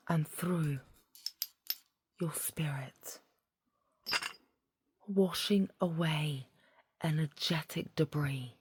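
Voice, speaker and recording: Deep female meditation guide, soft half whisper, super slow, soothing, close dry sound. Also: breathy edge. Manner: soothing, deliberate, phrase by phrase.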